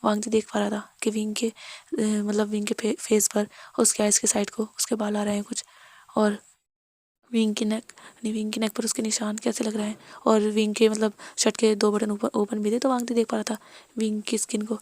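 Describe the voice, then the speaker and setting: A woman's voice: mid-range voice, monotone, normal speed, a little mellow, dry recording. A woman narrating a fan fiction story casually, rambling and correcting herself often.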